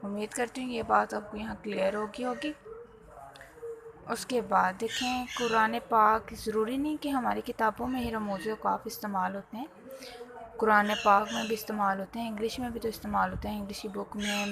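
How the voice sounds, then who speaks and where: A woman's voice: medium pitch, steady tone, creaky, a crowd in the background, poor audio. A woman teacher explaining a lesson to her students, patient, repeating key terms and checking that they follow.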